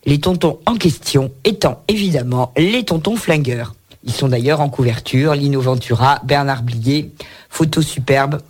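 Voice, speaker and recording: A man's voice: a little high, slightly rough. A man hosting a radio book segment, presenting a cookbook in a chatty way with playful asides. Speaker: radio book show host. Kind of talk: reviewing books on air.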